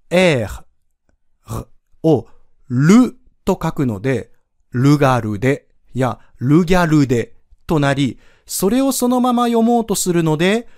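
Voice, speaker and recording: A man's voice: fairly high pitch, darkish tone, no echo, studio quality. A man teaching a pronunciation lesson on a podcast, explaining patiently step by step and demonstrating sounds aloud. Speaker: French language teacher.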